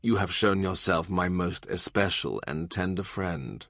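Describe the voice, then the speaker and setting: A man reads aloud as a cold, quietly scornful statesman, murmuring softly in a deep, hushed, amused tone at a slightly slow pace. The recording is dry and close, with no echo.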